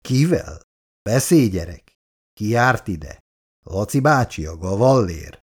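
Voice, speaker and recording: A man reading a story aloud and voicing a drunk, bullying middle-aged father who shouts gruffly and slurs his slow words. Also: on the low side, sing-song. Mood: menacing.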